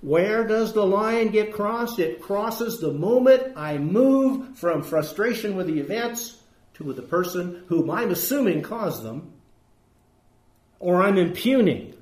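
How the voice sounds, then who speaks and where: Man, pastor, sermon, emphatic, rhetorical questions, fairly high voice, echoey hall. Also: lively intonation, takes it slowly, darkish tone. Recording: echoey room.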